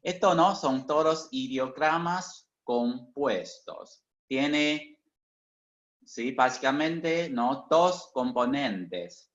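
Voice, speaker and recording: Very slow halting male lecturer, dull sound. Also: medium pitch, a bit bright. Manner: constant tag questions, halting and self-correcting. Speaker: teacher. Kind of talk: online lecture. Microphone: video call.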